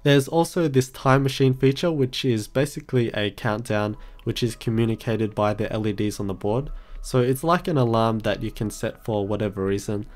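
A man's voice: lowish voice, moderate pace, few pauses, darkish tone. A man giving a scripted tech review narration in a matter-of-fact, explanatory way. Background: background music.

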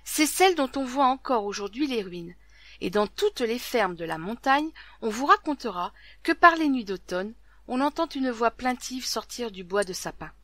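Woman, storyteller, dramatic scripted reading, hushed at tense moments, fairly high voice, dry close sound. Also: expressive, moderate pace, no echo. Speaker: narrator.

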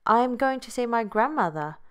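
A woman's voice: fairly high pitch, lively intonation, a little fast, clear, resonant tone, pitched above the performer's own voice, lightly acted. A woman voicing a timid, polite little girl in a storybook tale, earnest and wide-eyed.

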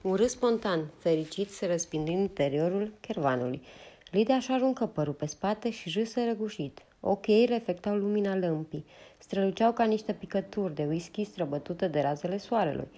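A woman narrating a novel as an audiobook in a steady, unhurried reading. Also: mid-range voice. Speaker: audiobook reader.

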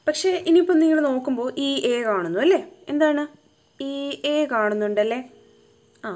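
Woman sounding out phonics slowly. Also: fairly high pitch. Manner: slow syllable-by-syllable sounding out, coaxing questions. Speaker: home tuition teacher. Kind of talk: phonics lesson for children.

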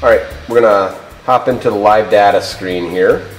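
A middle-aged company presenter with a lowish voice and moderate pace gives a product presentation and demonstration in an indoor workshop showroom. The sound has a roomy echo with faint music behind.

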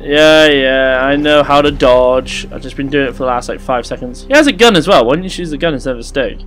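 A young man commentating his gameplay, joking and swearing with excited outbursts. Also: mid-range voice, a little fast, faint music behind. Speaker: gaming YouTuber. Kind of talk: let's play commentary.

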